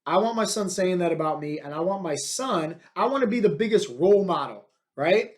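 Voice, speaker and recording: His voice sits high and moves a little fast: a man in his thirties, a fitness coach hosting his own podcast. He speaks bluntly and energetically in a motivational monologue, full of "like" and "right?".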